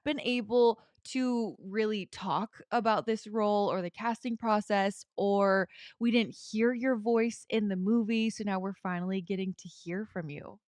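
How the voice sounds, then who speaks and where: A woman's voice: medium pitch, measured pace, darkish tone, no echo, studio quality. A woman hosting a casual interview in an informal, effusive and giggly way. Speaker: interview host.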